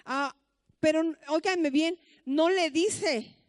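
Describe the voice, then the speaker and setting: High-voiced Mexican woman pastor preaching. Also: slow, no room sound, studio quality. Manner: storytelling with rhetorical questions. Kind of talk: conversational sermon.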